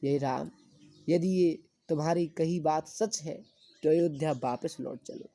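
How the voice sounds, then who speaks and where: Slow-speaking woman Hindi teacher. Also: sits low, dark tone, dry recording. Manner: recites verse lines slowly, then explains word meanings. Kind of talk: explaining a Hindi poem to students.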